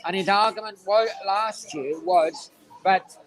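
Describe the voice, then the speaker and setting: A man's voice: high voice, measured pace, poor audio. A young man in a heated casual chat, insistent and sweary, talking over the others. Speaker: podcast guest.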